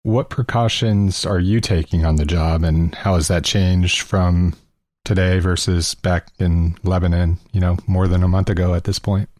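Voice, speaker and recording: A very low-voiced male host asks measured questions in a casual radio interview, with a few fillers along the way. The sound is dry and close, with no room in it at all. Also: fairly even intonation, a little mellow, dry recording.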